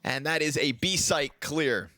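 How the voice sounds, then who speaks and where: A man doing fast, excited play-by-play commentary on a match, with jokey asides. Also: fairly high pitch, slight background noise. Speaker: esports caster.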